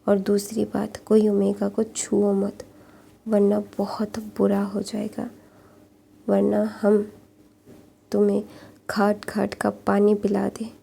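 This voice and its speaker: A woman casually retelling a fan fiction story, halting often with fillers and restarts, and speaking the characters' lines in nearly her own voice. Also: mid-range voice, monotone, vocal fry, warm tone, breathy edge.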